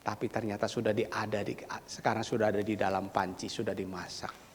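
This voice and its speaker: A man preaching acts out a household servant who tells the son what happened, swinging between loud and hushed delivery, in an echoing church hall. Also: fairly low pitch, level tone, fairly quick, a little hiss or hum, voice pushed down, lightly acted.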